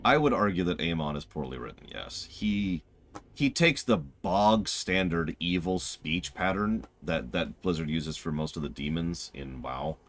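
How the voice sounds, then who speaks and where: Low-voiced man, opinionated stream commentary. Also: lively intonation, a little slow, slight background noise. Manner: opinionated, analytical. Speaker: game review streamer. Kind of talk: casual live stream commentary.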